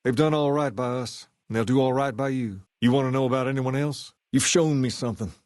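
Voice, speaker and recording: An actor playing an easygoing, self-assured gang leader styled as a rock-and-roll king in a video game, with folksy, colloquial, measured delivery. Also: mid-range voice, a little mellow, no echo, studio quality, natural voice. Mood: relaxed, folksy. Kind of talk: scripted game character dialogue.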